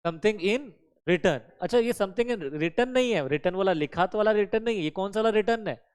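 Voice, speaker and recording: High, smooth-voiced male law teacher. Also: normal speed. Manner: keeps quizzing students with questions and answering them himself; mixes English terms and sentences into his teaching. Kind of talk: classroom lecture.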